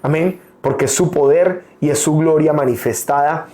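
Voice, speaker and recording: A young man from Colombia preaching a sermon as pastor, earnest and personal, pausing often with "eh" as he gives his testimony. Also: a little high, warm tone. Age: young adult.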